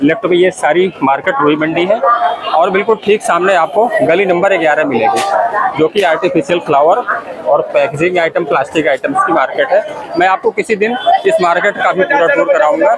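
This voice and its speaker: A man's voice: a little high, expressive, a little fast. A man narrating a walking tour of a crowded outdoor market, pointing out shops to his viewers. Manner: points things out to viewers, repeats "look here". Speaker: vlogger giving a market tour. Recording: loud street noise behind the voice.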